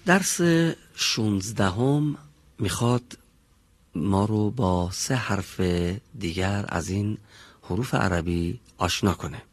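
Guy teaching pronunciation in class, lowish husky voice, spells out each sound real slow. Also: no echo. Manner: slow and deliberate, drawing out each sound as he demonstrates it. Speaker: Quran recitation teacher. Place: classroom with students.

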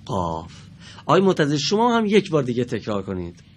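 Speaking at a medium pitch that swoops wildly, a man conducts a televised classroom lesson in a studio. He's patient and encouraging with the pupils, deliberately lengthening each example word, and there's slight background noise.

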